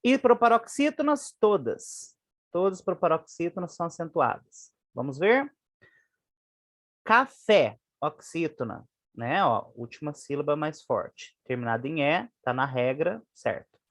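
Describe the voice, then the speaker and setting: Lively low-voiced Brazilian woman teaching. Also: moderate pace, no room sound, studio quality. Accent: Brazilian Portuguese. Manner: chatty, keeps checking in with listeners. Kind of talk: exam answer walkthrough lesson.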